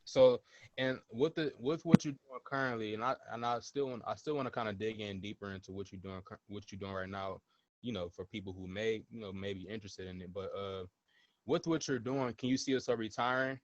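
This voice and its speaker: Blunt, cursing young podcast host. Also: male voice, lowish voice, a little fast, no room sound. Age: 20s. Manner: blunt, swears freely, emphatic repetitions. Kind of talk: casual interview chat. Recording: dull, dry lo-fi sound.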